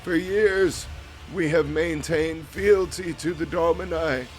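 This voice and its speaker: A man doing a solemn, high-pitched cult vizier. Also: steady tone, takes it slowly, faint music behind. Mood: reverent, exalting. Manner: ceremonial, grandly proclaiming. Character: solemn cult vizier, thunderous, withered priest of death. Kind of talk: video game dialogue read aloud.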